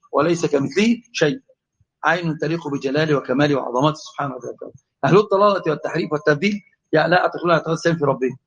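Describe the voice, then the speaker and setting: A man with an Egyptian Arabic accent teaching a lively theology lesson, quizzing his class and calling on students. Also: on the high side, muffled recording. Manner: animated, asks the class questions and calls on students. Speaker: religious teacher.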